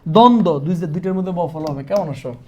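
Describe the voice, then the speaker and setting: A young man with a Bangladeshi Bengali accent teaching an exam-prep lesson. He drills spelling words, stresses key words loudly and mixes in English words. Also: high voice, lively intonation, fast. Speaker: tutor.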